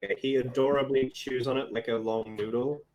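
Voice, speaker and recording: Male game master, casual relaxed narration, mid-pitched, slight background hiss on a call mic. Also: a little fast, lo-fi sound.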